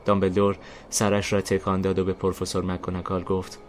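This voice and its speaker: A man narrating a fantasy story in a steady, deliberate reading style. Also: sits low, slight background noise. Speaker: narrator and host. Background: faint music.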